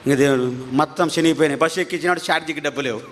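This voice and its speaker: A man preaching his testimony as a story, animated, his pitch climbing at tense moments, repeating phrases for emphasis. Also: rapid-fire, slight background noise.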